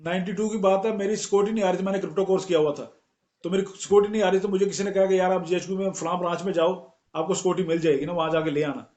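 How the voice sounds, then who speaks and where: Fast-talking man telling army stories. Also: high voice, roomy sound, dull audio. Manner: animated storyteller acting out quoted voices. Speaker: guest, retired soldier. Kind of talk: storytelling anecdotes in conversation.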